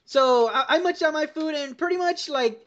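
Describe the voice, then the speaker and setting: High-voiced young woman rambling over a dull call. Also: normal speed, a bit bright. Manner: rambling, profane storytelling with frequent laughs. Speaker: podcast host. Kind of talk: casual chat over a voice call. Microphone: voice call headset or computer mic.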